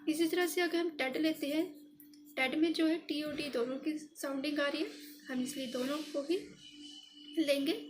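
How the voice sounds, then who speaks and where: A woman's voice: high voice, steady tone, moderate pace, background noise. A woman explaining a shorthand lesson step by step, patient and repetitive, pointing out each stroke. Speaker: shorthand teacher.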